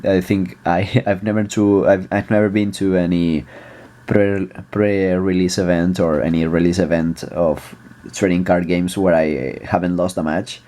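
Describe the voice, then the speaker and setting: A man with a Spanish accent hosts a casual, rambling vlog, his voice pitched low. He hesitates often, fills pauses with ums and uhs, restarts his sentences, and swears offhandedly. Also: steady tone, dark tone. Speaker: video host.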